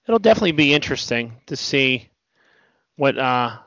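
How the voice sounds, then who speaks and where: Middle-aged male co-host, gravelly and bright, rambling animated storyteller; dry, lo-fi. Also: medium pitch, moderate pace, dry recording. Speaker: podcast co-host. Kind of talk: casual chat.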